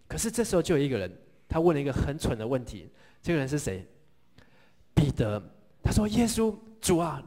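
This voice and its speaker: Pastor, lively storytelling sermon. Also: male voice, a little high. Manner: lively storytelling, asks the congregation questions and leads them in repeating lines.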